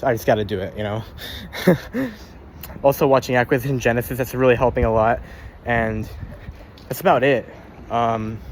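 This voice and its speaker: Young man, casual vlog journal, mid-pitched, rambles and stumbles, curses freely; faint noise behind. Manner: rambling, swears casually, often repeats and trips over words. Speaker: vlogger keeping a spoken journal.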